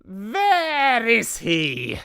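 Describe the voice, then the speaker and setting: A woman voicing a shrieking, imperious old witch leader in a storybook reading, with a shrill, hissing, theatrical delivery. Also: huge pitch swings, very slow, a bit bright, clean tone, no room sound, studio quality, full character voice. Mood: snapping.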